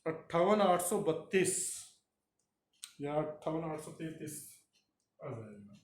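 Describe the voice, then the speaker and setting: A man's voice: fairly high pitch, big pitch swings, a little hiss or hum. A man teaching chemistry, working a problem step by step and doing the arithmetic aloud. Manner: slow, talks through arithmetic aloud. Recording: roomy echo from far off the mic.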